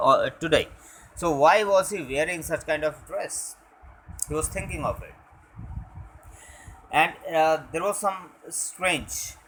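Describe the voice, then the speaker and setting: A young male teacher reads a story passage aloud, then explains it in his own words. He talks very slowly in a fairly high voice, stopping often with "uh" and "okay". A faint noise sits under his voice. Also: a bit bright, low-quality recording. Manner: halting explanations full of "uh" and "okay".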